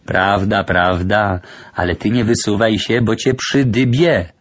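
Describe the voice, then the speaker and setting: A man's voice: lowish voice, steady tone, measured pace, a little hiss or hum, natural voice. A man voicing a suspicious, half-deaf old grandfather in an audiobook, asking fearful questions. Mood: wary.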